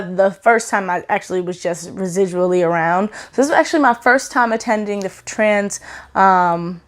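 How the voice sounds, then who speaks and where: A vlog host talking casually at home, candid and laid-back, swearing freely. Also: mid-range voice. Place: home, hot room.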